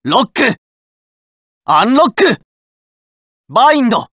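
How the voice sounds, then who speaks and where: This game character is a fiery teen card battler with a brash, boyish swagger, yelling his battle cries in a bright, powerful voice that swings from growls to high-pitched shouts. His delivery is sing-song and exaggerated, and he draws words out slowly between the yells. The studio recording is close and dry, with no room sound.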